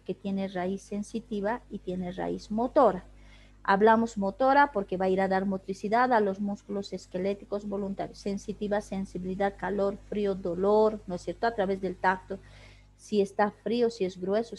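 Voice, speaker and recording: A woman's voice: mid-range voice, fairly even intonation, normal speed, darkish tone. A woman teaching anatomy in an online class, explaining step by step and asking rhetorical questions she answers herself. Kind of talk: online lecture. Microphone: video call.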